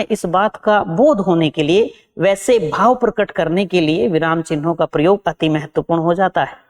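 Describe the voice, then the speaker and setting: A woman's voice: fairly low pitch, a little mellow. A woman teaching an exam-prep lesson. She repeats key terms and asks her students rhetorical questions.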